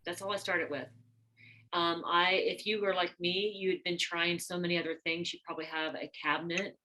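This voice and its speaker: Animated woman host, low voice. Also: fairly quick, slight background noise, poor audio. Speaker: event host. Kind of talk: casual testimonial talk.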